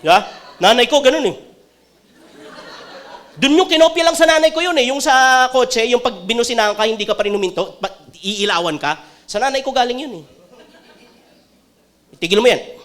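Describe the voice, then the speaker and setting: A man preaching a sermon as a pastor, with a Filipino accent, joking one moment, loud the next, then dropping to quiet earnest talk. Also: extremely high pitch, brisk. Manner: animated, jokey preaching that swings between loud outbursts and quiet talk.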